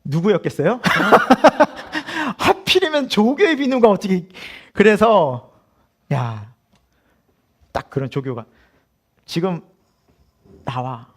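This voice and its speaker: A middle-aged male pastor preaching a sermon, telling a story with laughter and acting out shouted quotes. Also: high voice, big pitch swings, slow, slightly rough.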